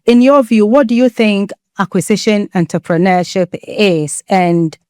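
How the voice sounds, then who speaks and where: Podcast host, woman, smooth clear tone on a close dry mic, prompting her guest with steady encouragement. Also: medium pitch, unhurried, dry recording. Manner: encouraging, frequent affirmations. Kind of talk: interview hosting.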